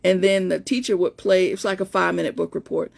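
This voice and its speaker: Gravelly-voiced woman in her fifties. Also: fairly low pitch, steady tone, fast. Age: 50s. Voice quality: voice between feminine and masculine. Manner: storytelling, chatty, many restarts. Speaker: life coach. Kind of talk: casual live-stream talk to viewers.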